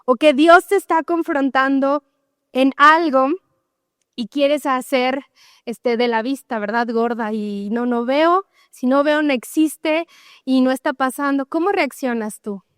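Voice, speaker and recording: A woman's voice: high-pitched, steady tone, measured pace, clear, resonant tone, dry recording, studio quality. A young adult woman pastor with a Mexican accent, preaching a conversational sermon and often checking in with "¿verdad?". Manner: conversational, tags questions with "¿verdad?", acts out everyday dialogues.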